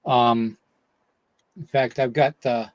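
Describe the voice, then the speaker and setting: A man's voice: mid-range voice, fairly even intonation, slow, dull audio. An older man hosting a podcast in casual, folksy, rambling chat, slightly short of breath. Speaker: podcast host.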